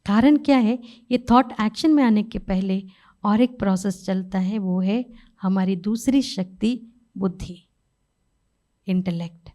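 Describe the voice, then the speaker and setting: A middle-aged woman giving a conversational spiritual talk, asking rhetorical questions and softly acting out inner dialogue with her own mind. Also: mid-range voice, unhurried. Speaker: spiritual speaker.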